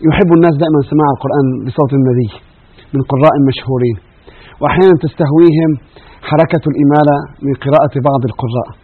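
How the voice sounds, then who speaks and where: Rapid husky male host, phone-thin audio. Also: a little high. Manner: rapid, brisk questions to the guest. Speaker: program host. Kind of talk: introducing a lesson segment. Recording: dry, narrow phone-like audio.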